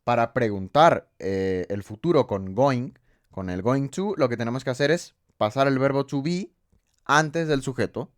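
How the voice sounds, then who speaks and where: A Spanish-speaking man teaching an English grammar lesson, explaining step by step and reading each example sentence slowly twice. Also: medium pitch, dry recording, clean studio sound.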